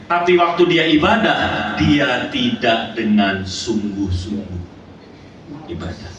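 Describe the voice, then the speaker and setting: A man preaching a sermon, telling stories with big swings in pitch and calling out for amens from the congregation. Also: slow pace, a bit bright. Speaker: pastor. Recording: echoey hall from far off, noisy.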